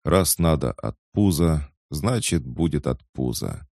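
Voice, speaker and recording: A man's voice: very deep voice, lively intonation, unhurried, vocal fry, a little mellow, dry recording, clean studio sound, exaggerated voice. A man voicing a curious, easygoing young boy hero in an audiobook, speaking plainly and directly.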